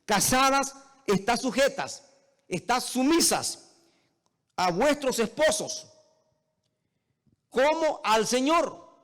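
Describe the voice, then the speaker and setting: A male pastor delivering a sermon. He tells stories in a conversational way, then builds to loud, emphatic preaching and keeps calling his listeners "brother.". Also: very high voice, expressive, takes it slowly, pauses often, big-room sound. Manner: addresses listeners as "hermano". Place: church service.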